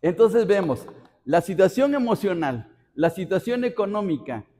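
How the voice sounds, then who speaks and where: A high-voiced male pastor with a Mexican accent preaches a Bible study in a church. His delivery is emphatic and repetitive, circling back on key words. A long hall reverb trails his voice. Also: very animated, moderate pace, mellow. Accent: Mexican Spanish. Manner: emphatic, repeats key words, frequent restarts. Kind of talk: expository Bible study sermon. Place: church sanctuary.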